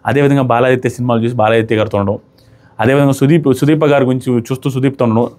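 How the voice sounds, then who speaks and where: A man's voice: mid-range voice, steady tone, very fast, darkish tone. A man giving an opinionated review of a reality show episode, arguing his points with pointed rhetorical questions.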